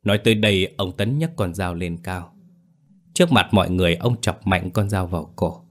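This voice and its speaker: A man's voice: sits low, moderate pace. A man narrating a scripted horror story in a grave, dramatic way.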